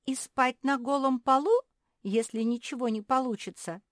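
A woman's voice: mid-range voice, moderate pace, darkish tone, no room sound, clean studio sound, pitched above the performer's own voice, lightly acted. A woman voicing a sour, complaining small female animal in a storybook. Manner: sour, sobbing.

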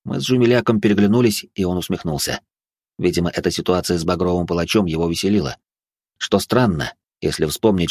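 A man narrating a first-person fantasy audiobook in a measured, even manner. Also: deep voice, dry recording, clean studio sound.

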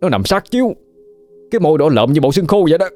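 Guy doing an angry young village guy, ranting, voice jumping high. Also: expressive, fast talker, warm tone, faint music behind. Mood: furious. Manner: accusing, ranting. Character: furious young village man.

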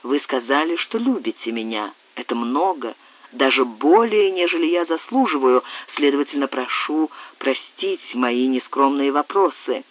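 A man reading an audiobook, voicing a proud, wounded young English lord who speaks in a slow, measured, coldly formal way. The sound is tinny and dry. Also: mid-range voice, lively intonation, no echo, close to an everyday voice.

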